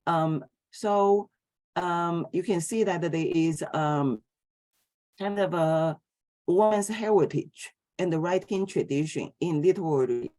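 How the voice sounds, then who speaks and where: In a fairly low, mellow voice, a Taiwanese woman in middle age works hesitantly through a philosophy lecture, pausing frequently and using many filler sounds.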